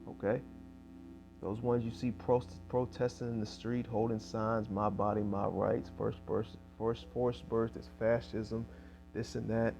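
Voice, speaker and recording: Gravelly and mid-range, this man's voice stays fairly flat at a measured pace while soft music plays. Preaching casually in street style, he reads verses aloud more loudly and keeps tacking on "okay?" and "man."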